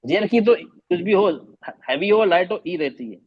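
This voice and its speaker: A man's voice: high-pitched, animated, a little slow, breathy edge. A male teacher giving a lesson, repeating vowel sounds aloud and quizzing his students. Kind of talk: classroom lesson on Arabic vowels. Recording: dull lo-fi recording.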